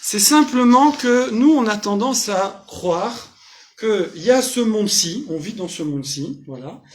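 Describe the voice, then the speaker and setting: This Torah teacher speaks in a high, expressive voice, a little slowly, as he runs a lively, informal class in a small community centre hall. He keeps it casual and jokey, asking the group questions and translating Hebrew terms as he goes.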